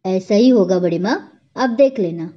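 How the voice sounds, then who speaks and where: A woman's voice: fairly high pitch, expressive, measured pace, warm tone. A woman doing a teasing young lover. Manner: coaxing, teasing, childlike. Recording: dull lo-fi recording.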